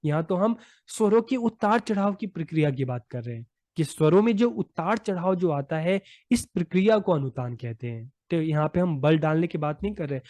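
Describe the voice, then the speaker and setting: A man's voice: a little high, darkish tone, no room sound. A man teaching a lesson, explaining patiently and repeating his main points.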